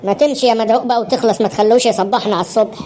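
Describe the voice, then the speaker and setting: A woman's voice: a little high, very fast, dark tone, slight background noise, lightly acted. A woman voicing a lazy, cheeky schoolboy in a cartoon, whining in an Egyptian Arabic accent. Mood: whiny. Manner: whiny, cheeky. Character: lazy cheeky schoolboy who hates mornings. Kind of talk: cartoon voice acting.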